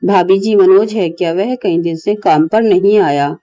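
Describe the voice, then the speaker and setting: A woman's voice: medium pitch, unhurried, warm tone, no room sound, dull audio, natural voice. A woman playing a polite young male friend in a horror story. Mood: worried.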